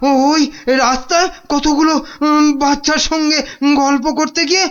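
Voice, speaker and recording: A cartoon minister with a highish, oily voice, full of fawning flattery for his king and prone to stammer. Faint music plays behind him. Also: moderate pace, dull audio. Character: scheming, flattery-loving royal minister, male. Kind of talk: cartoon voice acting.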